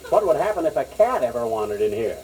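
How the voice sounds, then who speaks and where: A man playing the blustery lead of a 1940s radio comedy, brash and quick to bluster. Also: mid-range voice, sing-song, a little mellow. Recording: crackly old 78 record.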